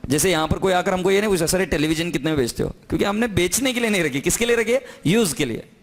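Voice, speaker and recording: A man's voice: sits high, fast. A man teaching an accounting class, lecturing in a classroom and constantly asking his students questions. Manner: lively, coaxing questions to students.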